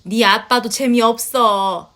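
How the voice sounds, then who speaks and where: A woman's voice: on the high side, steady tone, takes it slowly, a bit bright. A woman voicing a nagging older mother-in-law who scolds, sighs and complains in a story reading. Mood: grumbling. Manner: scolding, sighing, huffy complaints. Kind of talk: storytelling voice acting.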